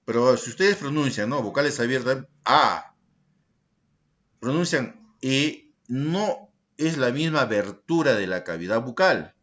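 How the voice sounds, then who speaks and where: A man teaching a secondary school language lesson in an online class, explaining slowly and checking in with his students by asking short questions. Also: mid-range voice, animated, a bit bright. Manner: slow, deliberate explaining, tag questions to students.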